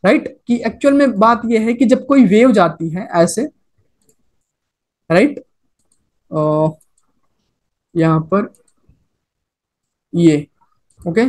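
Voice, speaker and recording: Speaking slowly with long pauses, a man with a high, slightly mellow voice walks through a chart in a recorded trading lecture. He's informal, mixes English market terms into his talk, goes over points more than once and keeps asking "okay?" and "right?".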